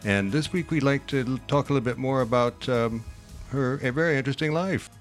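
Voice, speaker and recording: A man's voice: medium pitch, fairly quick, faint music behind. A man hosting a radio interview, with a chatty, conversational way of talking. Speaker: radio host. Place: radio studio.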